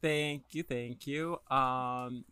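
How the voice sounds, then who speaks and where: A young man who is a guest on a podcast, playful and excitable in casual chat. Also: mid-range voice, very slow, clear, resonant tone, dry recording.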